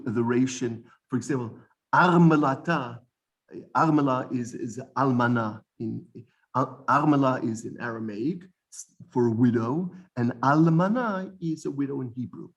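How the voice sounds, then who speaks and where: A man with a mid-range voice leads an informal Bible study lesson, animated and frequently repeating words and restarting sentences.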